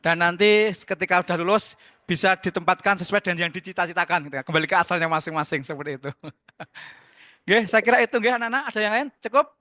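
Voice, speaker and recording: A middle-aged man with a Javanese accent, a teacher hosting a school Zoom session in a lively, chatty way, mixing in Javanese words. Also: high-pitched, fast talker, dry recording, studio quality. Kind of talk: casual hosting over Zoom.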